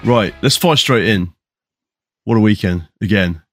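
A low-voiced man presents a chatty sports podcast. His tone is husky, with dry, bantering humour, and he is recorded close with very little room sound. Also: a little slow, a bit bright, dry recording, faint music behind. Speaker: podcast co-host. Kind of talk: casual panel chat and scripted introduction.

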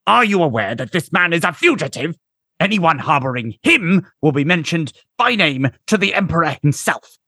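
A man's voice: a little high, big pitch swings, moderate pace, pushed and bright, husky, no room sound, clean studio sound, pitched above the performer's own voice, full character voice. A man reading a story aloud, voicing a furious, proud male noble commander who barks outraged threats. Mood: commanding.

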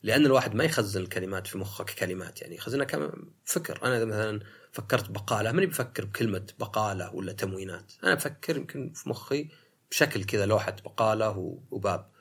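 A man's voice: fairly low pitch, racing, fairly bright tone, breathy edge. A man hosting a solo talk podcast, arguing his point and mimicking other people's lines. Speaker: podcast host.

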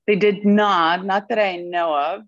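A young woman raised in Sweden as an interview guest, reflective and quick to laugh. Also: medium pitch, fairly even intonation, no room sound, lo-fi sound. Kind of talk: conversational interview.

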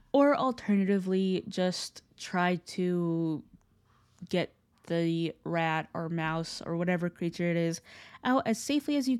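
Podcast host, young woman, slightly low and soft-edged mellow voice, informal legend storytelling. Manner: conversational, informal asides. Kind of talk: casual storytelling of urban legends.

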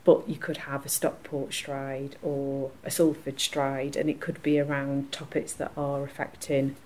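A woman's voice: very deep voice, flat delivery, unhurried, mellow, a little hiss or hum. A woman, a community organiser talking earnestly and with enthusiasm as a guest on a podcast interview. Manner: earnest and enthusiastic, laughs easily.

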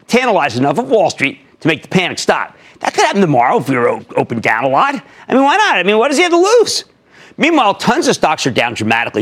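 A middle-aged man hosting a stock market call-in show, talking emphatically with sudden loud bursts and low asides. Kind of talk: energetic market commentary and call-in.

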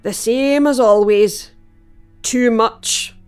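A woman's voice: fairly high pitch, drawn-out words, smooth, soft background music. A middle-aged woman with a broad Scottish accent playing a wry, teasing, motherly villager in an audio drama. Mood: matter-of-fact, kindly. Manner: dry, teasing, matter-of-fact.

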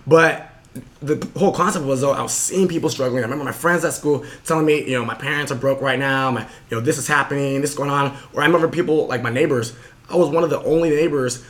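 Medium in pitch and fairly bright, the voice belongs to a young man hosting a podcast. His motivational story comes out fast, casual and earnest, full of filler words.

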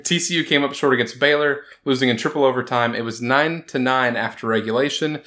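A man hosting a casual sports chat, joking, sarcastic and quick to laugh as he runs through scores. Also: medium pitch, sharp tone. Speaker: podcast host.

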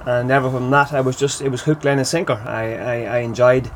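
Gravelly Irish man talking in a parked van. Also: medium pitch, steady tone, brisk. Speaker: interview guest, triathlete and coach. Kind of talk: casual interview chat. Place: inside the back of a van parked in a car park. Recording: background noise in a parked van.

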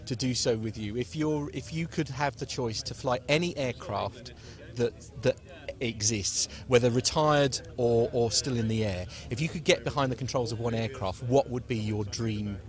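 A man's voice: mid-range voice, moderate pace, hardly any pauses. A man interviewing visitors outdoors at an airfield, chatty and jokey with many hesitant restarts. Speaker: interviewer at an aviation meetup. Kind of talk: casual vox-pop interviews. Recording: outdoor crowd noise. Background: crowd chatter.

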